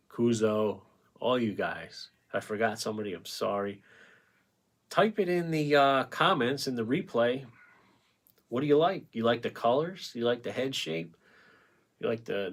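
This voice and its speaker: A man hosting a painting livestream in casual chat. He rambles, answers the chat aloud and thanks viewers by name, and his voice is going a bit hoarse from talking so long. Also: medium pitch. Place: home painting setup with ring light.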